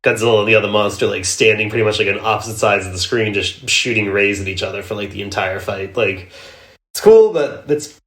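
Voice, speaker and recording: A man chatting casually on a podcast, his voice sitting fairly low. He rambles through his points with plenty of filler words and breaks into laughter often. The recording has a roomy echo around him. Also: brisk, fairly bright tone. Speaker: podcast host. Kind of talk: casual chat. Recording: echoey room.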